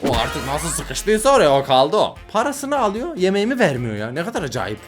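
Male reaction host, animated and exclaiming, very lively pitch, soft music bed underneath. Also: brisk. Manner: animated, exclaiming, groaning at mishaps. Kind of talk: casual reaction commentary.

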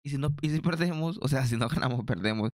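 A young man doing excitable play-by-play of his own football video game match for viewers. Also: mid-range voice, fast, no room sound, clean studio sound. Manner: excitable, addresses viewers as "señores", shouts at big chances. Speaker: gaming YouTuber.

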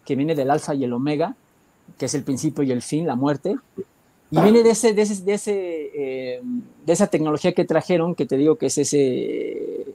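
Mellow-voiced Mexican man, rambling. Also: fairly high pitch, moderate pace. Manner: rambling, searching for words with frequent fillers. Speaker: guest speaker. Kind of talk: casual spiritual talk.

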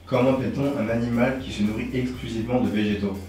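A man's voice: mid-range voice, fairly even intonation, fast, mellow. Male quiz question reader, scripted delivery, very reverberant recording with light music underneath. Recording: very echoey, distant, music behind.

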